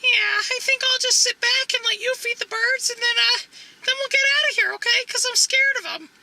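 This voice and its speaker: Squeaky childlike monkey, kids party magician style. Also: fairly quick, vocal fry, background noise. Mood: scared. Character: small cheerful timid monkey puppet show host. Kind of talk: children's puppet show hosting.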